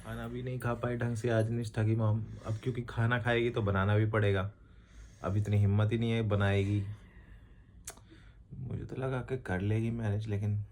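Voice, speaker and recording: A man vlogging at home, talking to viewers and gently soothing his crying wife. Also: fairly low pitch, level tone, normal speed, slight background noise. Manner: soothing, pleading softly. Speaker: vlogger, father. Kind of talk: casual family vlog. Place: home, indoors.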